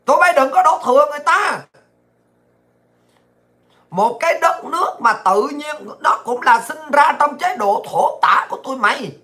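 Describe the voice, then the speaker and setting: A woman vlogger rants through angry political commentary. Her voice sits fairly high and rings sharp and forceful. She hurls abuse and often breaks into shouting. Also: expressive, normal speed. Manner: ranting, abusive, often shouting.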